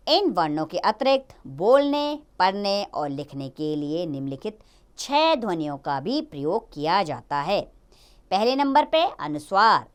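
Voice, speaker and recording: A woman teaching a grammar lesson to children, drawing out each letter and example word slowly. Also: mid-range voice, clean tone. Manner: slow, drawn-out teaching of each letter and sound.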